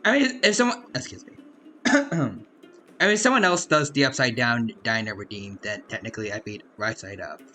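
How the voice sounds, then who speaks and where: A man doing casual live game commentary as a streamer, chatty and animated. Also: on the low side, normal speed, soft background music.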